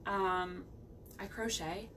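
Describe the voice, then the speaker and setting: A woman from West Virginia with a Midwestern American accent chats casually as a musician guest in an interview. Her mid-range voice is fairly even in intonation and extremely slow. The mic is distant, with a crowd in the background and faint background noise.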